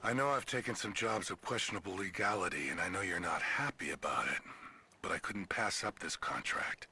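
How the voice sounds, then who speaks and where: A jittery contractor in a video game, low-voiced and gravelly, keeps his words hushed and furtive. His tone is sharp and bright. A faint hiss sits under the voice. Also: a little fast, heavily acted. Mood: uneasy. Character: nervous male contractor selling gear on the sly.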